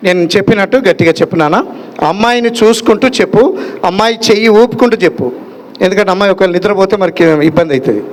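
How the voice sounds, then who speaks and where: A man, a pastor officiating a wedding, joking with the couple and leading the vows loudly line by line. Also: high-pitched, rapid-fire. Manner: jovial and teasing, loud call-and-repeat prompting.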